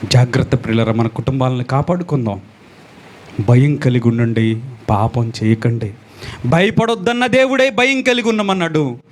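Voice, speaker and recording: A male pastor preaching a sermon, swinging between loud exclamations and low, quiet lines and repeating phrases for emphasis.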